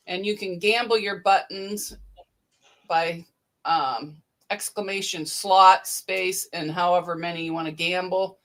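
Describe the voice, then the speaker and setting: A woman hosting a casual sewing livestream, briskly reading out viewer names and bid amounts from the chat. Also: medium pitch, fairly bright tone. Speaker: livestream host. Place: indoor sewing room.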